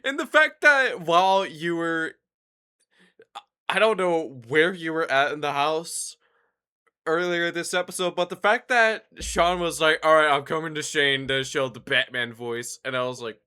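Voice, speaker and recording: A man co-hosting a casual podcast in slow, joking banter. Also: fairly high pitch, expressive, pushed and bright, clear, resonant tone. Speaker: podcast co-host.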